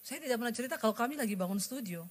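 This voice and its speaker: A woman's voice: on the high side, very fast. A woman preacher, telling a testimony in a sermon and acting out the people she quotes. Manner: animated storytelling with acted quotes.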